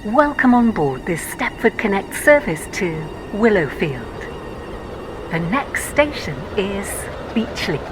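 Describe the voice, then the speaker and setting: A woman's voice giving automated onboard train announcements in slow, measured, evenly spaced phrases. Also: medium pitch, very animated, noisy background. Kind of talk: recorded public announcement.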